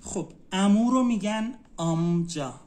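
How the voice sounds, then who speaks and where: A man from Iran teaching a student one-on-one, saying each word slowly and repeating it so the student can write it down. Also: high-pitched, animated, mellow, a little hiss or hum. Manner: repeats words slowly, spells them out for a student. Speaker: Turkish language tutor. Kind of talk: one-on-one language lesson.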